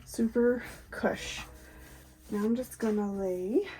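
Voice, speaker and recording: A woman chatting casually in a vlog, soft-spoken and often slipping into a whisper, a little out of breath. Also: fairly high pitch, slow. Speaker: vlogger.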